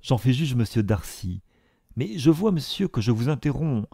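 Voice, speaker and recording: A man voicing a courteous older gentleman who pays gallant compliments. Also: medium pitch, normal speed, creaky, husky, no echo, studio quality, pitched above the performer's own voice, exaggerated voice. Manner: gallant, flattering.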